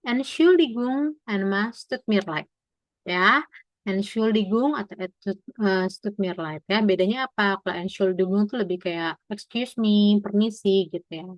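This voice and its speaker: A woman's voice: medium pitch, measured pace, no room sound. A woman teaching German in an online class over a video call, explaining patiently, mixing in English and quizzing her students.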